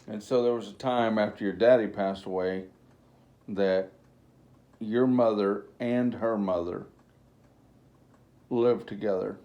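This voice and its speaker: Slow, gravelly man with a low voice. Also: steady tone, dark tone. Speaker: interviewer. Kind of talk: casual interview questioning.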